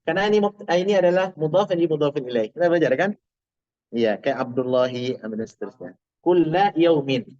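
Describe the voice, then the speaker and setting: A man teaching a classroom grammar lesson, quizzing his students with quick questions and light laughs. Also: on the high side, animated, darkish tone, dry recording. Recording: dull lo-fi classroom recording.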